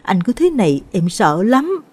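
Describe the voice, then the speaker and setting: A woman's voice: mid-range voice, big pitch swings, unhurried, darkish tone, husky, pitched above the performer's own voice. A woman voicing an anxious young mother pleading for help against a haunting. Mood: worried. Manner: worried, pleading.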